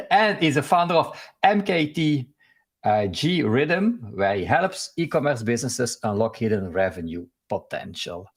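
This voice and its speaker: A man with a Belgian accent hosting a casual live stream interview over a video call, talking in a halting way with frequent fillers and restarts. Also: mid-range voice, big pitch swings, slightly rough.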